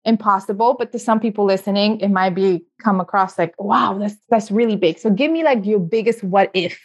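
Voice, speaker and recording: A woman's voice: medium pitch, brisk. Chatty woman podcast host, lo-fi. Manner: chatty, lots of fillers and restarts. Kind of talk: casual interview chat.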